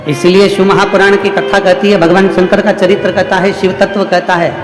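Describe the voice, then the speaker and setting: A man's voice: sits high, little pitch movement, a little fast, over music. A man preaching a devotional sermon to a large gathering, with repetitive, rhythmic, emphatic phrasing. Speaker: preacher telling a religious discourse. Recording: echoey hall with long reverb.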